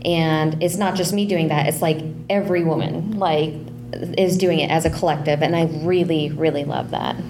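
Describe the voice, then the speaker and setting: A woman talks as a panelist in a casual discussion. Her voice sits a little low and she sounds earnest. A noticeable hum and background noise run under her speech. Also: steady tone, moderate pace.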